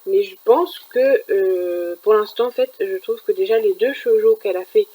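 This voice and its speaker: A woman's voice: mid-range voice, moderate pace, warm tone, rough recording. A woman talking casually about her week's manga reading, chatty and full of fillers and restarts. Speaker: manga reviewer. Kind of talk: casual chat.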